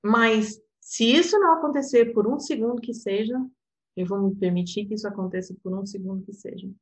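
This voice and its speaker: With a medium-pitched, slightly mellow voice, this European Portuguese-accented woman talks fairly quickly. She is an interpreter from Portugal appearing as a guest, reflecting on personal matters in an easygoing conversation. She frequently laughs and slips in "sabe?"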